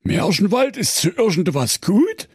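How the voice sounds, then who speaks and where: A man's voice: sits high, very animated, measured pace, slightly rough, dry recording, clean studio sound, heavily acted. A man voicing a naive, muddled fairy-tale brother who rambles and bumbles through his complaints. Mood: bumbling.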